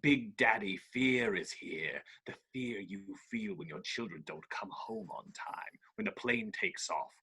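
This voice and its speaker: A man's voice: on the low side, very animated, a little slow, vocal fry, hardly any pauses, bright, forceful tone, slightly rough, exaggerated voice. A man playing a menacing, gloating pirate captain villain in a theatrical, taunting way at an amateur script read.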